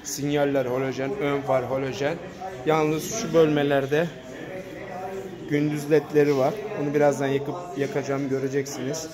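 A man reviews a motorcycle on a walkaround inside a showroom, filming on a handheld phone and naming parts in a plain, straightforward way. His medium-pitched voice stays level at a moderate pace, with crowd noise in the background.

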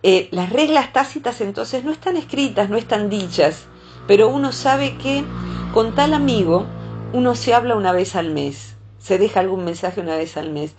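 A woman with a Rioplatense Spanish accent, a psychologist explaining relationships in a thoughtful way, pausing often to gather her thoughts. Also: mid-range voice, darkish tone, soft background music. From Argentina. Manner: thoughtful, explaining with frequent hesitations.

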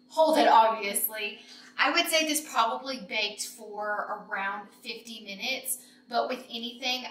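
A woman in her thirties hosts a home baking vlog, chatting informally and directly to viewers in her home kitchen. Her medium-pitched voice is fairly bright, recorded by a camera a few feet away in an echoey kitchen with background noise and dish clinks.

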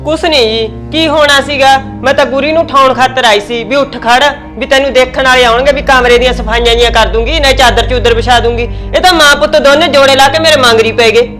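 A woman with a Punjabi accent playing a quarrelsome daughter-in-law in a family skit, quick and defensive. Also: high voice, fairly even intonation, fairly bright tone, soft background music.

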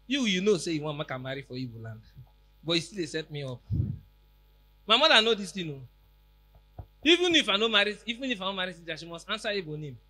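A man's voice: sits high, big pitch swings, quick pace, pauses often. A young man with a Nigerian accent, hosting a comedy show on stage with a handheld mic, teasing a guest in playful pidgin banter. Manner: teasing, playful, loud bursts. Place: large tented event hall, on stage.

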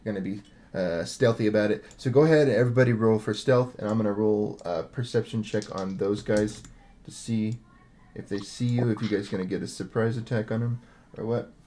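A man's voice: fairly low pitch, steady tone, fairly quick, dark tone, slight background noise. A man running a tabletop game as dungeon master over an online voice call, talking loosely with lots of fillers and self-corrections.

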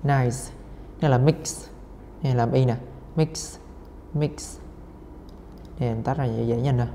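A man's voice: mid-range voice, fairly even intonation, quick pace, mellow. A man teaching English as he works through exam questions, repeating each word over and over with many fillers. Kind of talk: exam-solving lesson. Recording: reverberant room, faint noise.

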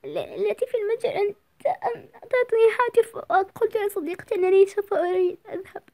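A woman's voice: very high-pitched, fairly quick, pitched above the performer's own voice. A woman voicing a timid young girl caught lying, stammering tearful excuses.

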